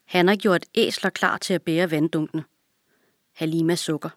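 A woman narrating a children's audiobook in a calm, even storytelling manner. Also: sits low, no room sound, clean studio sound.

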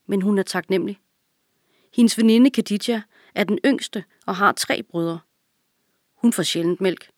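A woman narrating a children's audiobook in a calm, even storytelling manner. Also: mid-range voice, dry recording, clean studio sound.

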